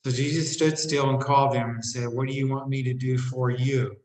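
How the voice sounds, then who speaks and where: A man reading Bible chapters aloud in a steady, measured way, with short asides between passages. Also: medium pitch. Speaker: scripture reader. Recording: roomy echo.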